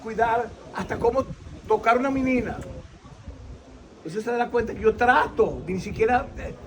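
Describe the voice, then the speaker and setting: Venezuelan man, 60s, animated storyteller on an outdoor interview with a noisy background, slightly high voice. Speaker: interviewee giving his faith testimony. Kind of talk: animated personal testimony.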